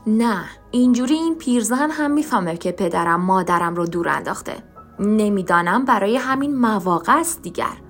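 A woman's voice: mid-range voice, lively intonation, faint music behind. A woman voicing a troubled young man who speaks earnestly and asks searching questions.

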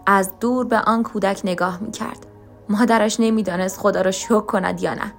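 A woman narrates a story in a calm, measured, scripted reading. Her voice sits at an ordinary middle pitch. A faint music bed plays quietly behind her. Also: vocal fry. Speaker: podcast narrator.

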